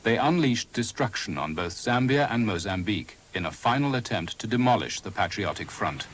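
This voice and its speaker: A man giving measured, scripted documentary narration in a grave tone. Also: lowish voice, lively intonation. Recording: noisy 1980s broadcast audio.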